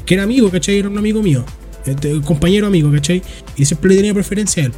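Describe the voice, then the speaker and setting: A young Chilean man co-hosts a casual podcast, telling rambling stories full of slang. He races along in a high voice with a dark tone, and faint music plays behind him.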